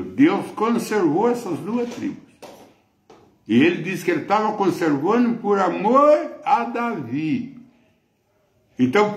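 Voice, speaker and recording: A man's voice: a little high, gravelly, reverberant. A man with a Brazilian accent preaching a sermon as pastor, emphatic and repetitive. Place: church.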